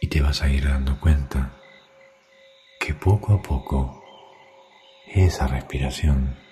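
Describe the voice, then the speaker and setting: Very deep, slow man guiding sleep meditation. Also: soft background music. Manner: soft, slow, soothing. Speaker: meditation guide.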